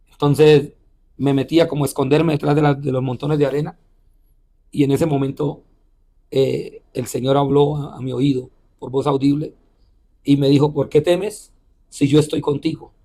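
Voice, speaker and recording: A man with a fairly high voice recounts his testimony as a pastor. He talks haltingly, restarting phrases and filling pauses with "eh". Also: a little mellow. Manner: halting, repeats words and says "eh" often. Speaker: pastor and missionary. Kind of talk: telling a personal testimony in an interview.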